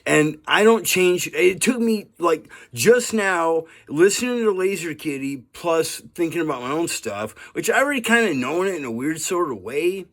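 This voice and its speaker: Talking casually to the camera, this man in his fifties, a vlogger, rambles earnestly, keeps asking "right?", says "you know" often, and chuckles occasionally. His voice is a little high and fairly bright, animated, with a moderate pace and hardly any pauses.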